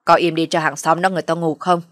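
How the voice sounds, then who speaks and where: Woman doing a gruff, bossy father-in-law. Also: low-pitched, level tone, fast, no echo, studio quality, close to an everyday voice. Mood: angry commanding. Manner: gruff, commanding. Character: stern, blustering older father-in-law.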